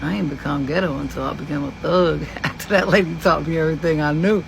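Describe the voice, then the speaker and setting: A woman in her forties from Kentucky telling a story in a blunt, profane and animated way. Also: low-pitched, fast talker, vocal fry, noisy background. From Kentucky, USA. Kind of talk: casual storytelling.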